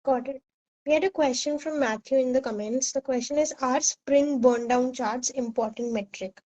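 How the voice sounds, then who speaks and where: A woman's voice: high voice, normal speed, warm tone, dull audio. A woman hosting a casual live question-and-answer session, reading out questions for a guest. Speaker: host taking audience questions.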